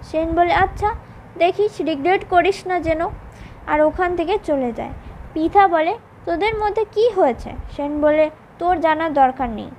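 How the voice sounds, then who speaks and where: Very high-voiced woman recapping a drama. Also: a little mellow, slight background noise, poor audio. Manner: quick plain storytelling that reads out the characters' lines in her own voice. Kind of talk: retelling a drama episode with quoted dialogue.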